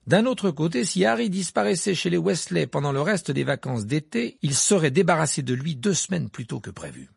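Gravelly husky male audiobook narrator. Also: a little high, expressive, a little fast, few pauses, dry recording, studio quality. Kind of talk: scripted narration.

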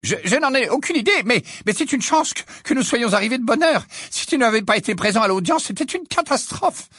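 A man voicing a kindly, excitable middle-aged wizard who stammers and hurries. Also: very high-pitched, fairly quick, no room sound, clean studio sound, pitched above the performer's own voice, full character voice. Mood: flustered.

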